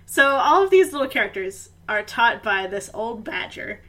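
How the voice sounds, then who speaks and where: A woman chatting casually about a movie, animated and swearing, acting out characters in quick bursts. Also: fairly high pitch, rough recording. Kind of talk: casual chat reviewing a movie.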